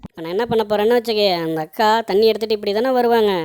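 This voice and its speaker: A woman's voice: medium pitch, rapid-fire, darkish tone, natural voice. A woman voicing a mischievous little boy in a doll play, bragging about his prank. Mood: scheming. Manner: playful, gleeful, bragging.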